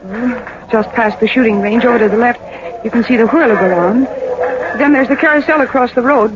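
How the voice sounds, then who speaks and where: In a 1940s radio drama, an actress plays an owner's earnest, polite young daughter, sounding helpful and courteous. Her natural voice is on the high side and a little fast. The period recording is muffled, with faint noise.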